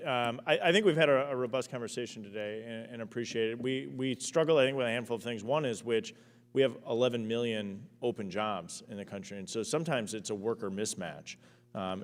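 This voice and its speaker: A man questioning witnesses at a congressional hearing as ranking member, halting and repeating his first words. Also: fairly low pitch, long reverb tail. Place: hearing room.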